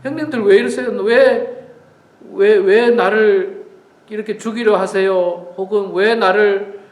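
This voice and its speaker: A man's voice: high voice, steady tone, unhurried, roomy sound. A man voicing a desperate young man who begs his older brothers for mercy. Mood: pleading. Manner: begging, desperate.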